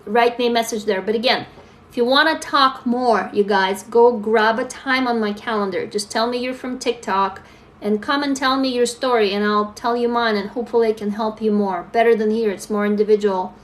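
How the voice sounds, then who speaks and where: Woman, young adult, slightly high voice, candid livestream chat, phone mic. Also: normal speed. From Russia. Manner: candid, talks straight to viewers, reads comments aloud. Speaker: livestream host. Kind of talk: casual live-stream chat.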